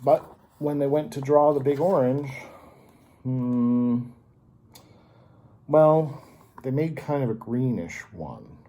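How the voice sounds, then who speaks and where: Hosting story time, a man reads a picture book aloud to children, stopping to explain things and pose simple questions like a teacher. His voice is mid-range and warm.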